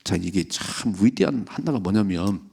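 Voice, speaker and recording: A man preaches at an early-morning church service in a low, somewhat husky voice. He reads scripture slowly, then breaks into animated storytelling and acts out the people in the passage. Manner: animated preaching, acting out biblical figures' voices. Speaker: pastor. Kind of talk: early-morning prayer sermon. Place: church sanctuary.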